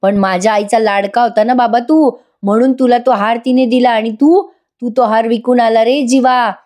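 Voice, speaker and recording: A woman's voice: a little high, fairly even intonation, normal speed, a little mellow, voice pushed up, natural voice. A woman voicing a bitter, sarcastic middle-aged aunt who complains and taunts. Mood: bitter taunting.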